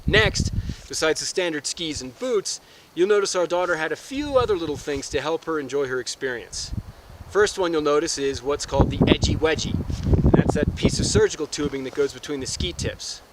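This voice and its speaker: Wry man presenting over loud noise. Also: a little high. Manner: wry, jokey. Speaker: presenter, parent giving a ski lesson. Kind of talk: instructional narration with dry humor. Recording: loud outdoor background noise.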